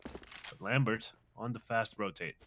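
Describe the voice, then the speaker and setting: A man doing live play-by-play commentary on a competitive shooter match, reacting quickly to the action. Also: on the low side, sharp tone, slight background noise. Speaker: esports commentator.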